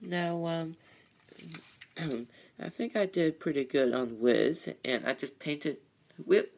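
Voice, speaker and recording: A man hosting a casual, rambling vlog, halting and repeating his phrases as he goes. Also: a little high, slight background noise. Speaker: video host, toy train hobbyist.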